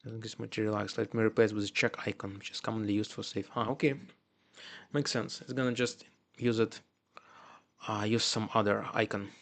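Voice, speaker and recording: A man's voice: lowish voice, level tone, gravelly, fairly bright tone. A man with a Russian accent, talking through a live coding session and muttering to himself as he fixes errors. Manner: muttering to himself with halting restarts. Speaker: coding streamer.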